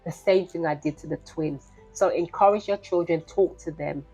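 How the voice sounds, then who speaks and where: A woman's voice: low voice, normal speed, warm tone, breathy edge, highs cut off, faint music behind. A woman, telling a personal story to her vlog viewers in an earnest, direct way and calling them "guys". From Liberia. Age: 50s. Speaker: vlogger.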